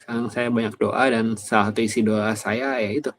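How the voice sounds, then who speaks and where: Low-voiced man preaching casually. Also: little pitch movement, brisk, a little hiss or hum. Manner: chatty, many fillers like gitu ya, personal anecdotes. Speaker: evangelist preacher. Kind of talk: casual conversational sermon.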